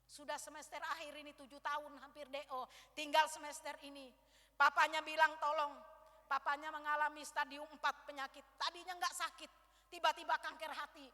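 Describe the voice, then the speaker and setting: Bright-voiced woman pastor preaching in a hall. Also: high-pitched, level tone, a little fast. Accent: Indonesian. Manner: emphatic, rises to loud exhortation. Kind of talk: sermon with personal story. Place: large church hall. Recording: live church stream, reverberant hall.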